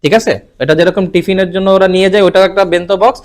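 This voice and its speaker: A man's voice: sits high, fairly even intonation, very fast. A man from Bangladesh teaching Japanese vocabulary in a live online class, asking questions and repeating words for students to say. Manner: colloquial Bangla mixed with English words.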